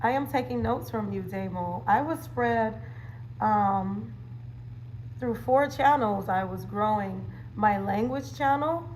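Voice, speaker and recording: A woman with a medium-pitched, slightly mellow voice speaks slowly while hosting a casual livestream, with slight background noise on a low-quality recording. A livestream host and wellness coach, she chats playfully with viewers, dropping slang catchphrases and laughing often.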